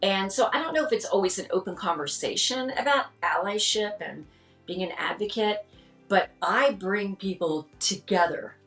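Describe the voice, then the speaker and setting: A woman's voice: moderate pace, faint music behind. Middle-aged woman telling stories, roomy echo. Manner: animated, acts out quotes with rising pitch. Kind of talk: candid interview storytelling.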